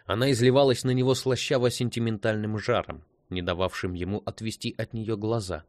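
A man narrates an audiobook in a measured, steady way. His voice sits fairly low, and the recording is dry and close with no room sound. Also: no room sound.

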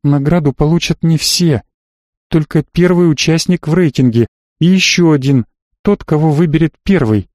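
A woman's voice: deep voice, normal speed, dark tone, no room sound, clean studio sound, close to an everyday voice. A man reading an audiobook, voicing a tough, defiant young woman who answers in scornful, clipped retorts.

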